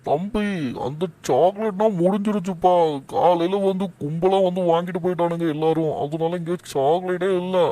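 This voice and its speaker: A performer voicing a kindly shop worker who gently reassures a customer in a fan game dub. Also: mid-range voice, fairly even intonation, moderate pace, hardly any pauses, natural voice.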